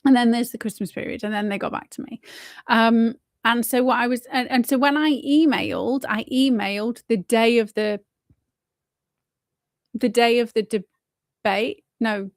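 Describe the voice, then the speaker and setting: A woman hosts a live show, telling a long story in a loose, rambling way. She swears freely, restarts her sentences and keeps checking in with "right?". Her voice sits a little high and sounds close and dry, with almost no room around it. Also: fairly even intonation, normal speed, dry recording. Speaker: host. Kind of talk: casual monologue on a live stream.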